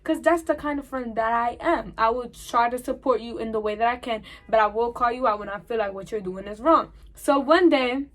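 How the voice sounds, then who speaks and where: A young woman tells a storytime vlog, with a high-pitched voice. She acts out the dialogue as she goes and keeps the telling animated. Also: brisk, hardly any pauses. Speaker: vlogger.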